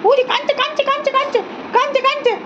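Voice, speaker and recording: A woman with a very high voice chats casually over home footage of her dogs. She keeps breaking into sing-song baby talk and repeating words to coax them. The phone audio sounds dull and lo-fi, with clear background noise. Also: level tone, fast. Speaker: home vlogger filming her dogs and puppies.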